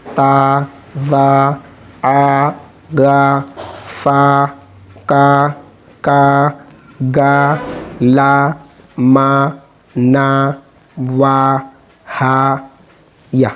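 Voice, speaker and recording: A man teaching Urdu reading, patiently sounding out letters and syllables one at a time in a slow, spelled-out lesson. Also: mid-range voice, fairly bright tone, a little hiss or hum.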